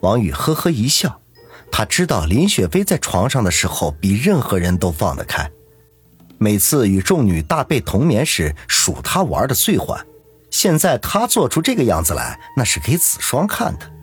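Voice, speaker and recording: Husky, lively male narrator. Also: lowish voice, normal speed, soft background music. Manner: lively, dramatic storytelling. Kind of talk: expressive audiobook narration.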